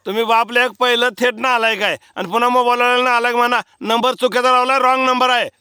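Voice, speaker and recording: Teasing high-voiced man. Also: little pitch movement, quick pace, pushed and bright, clean tone, no room sound, studio quality. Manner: teasing, mock-scolding. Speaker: mobile shop man on a prank call. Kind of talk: comedy phone sketch.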